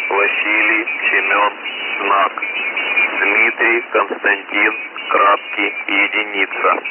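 Man dictating slowly over a crackling radio. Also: on the low side. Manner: measured, monotone spelling-out of call words and digits. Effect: heard over a radio. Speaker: radio operator. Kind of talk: dictating a coded message letter by letter. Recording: narrow-band radio transmission with loud static.

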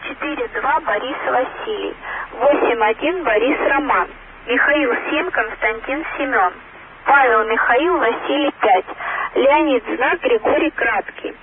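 High-voiced woman dictating over walkie-talkie static. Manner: slow, flat, measured dictation. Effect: over a walkie-talkie radio channel. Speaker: radio operator. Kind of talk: spelling out a coded message over radio. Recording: tinny radio transmission with loud static.

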